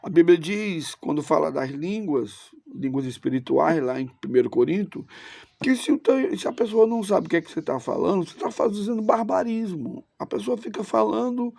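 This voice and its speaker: Gravelly-voiced man teaching Greek. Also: a little high, animated, moderate pace, warm tone, no room sound. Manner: opinionated, sarcastic asides, repeats words for emphasis. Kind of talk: recorded online lesson.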